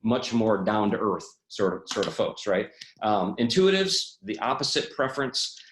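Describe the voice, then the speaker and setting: A man presenting a personality-type webinar, telling personal stories in an animated way with many restarts. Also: on the low side, normal speed, reverberant.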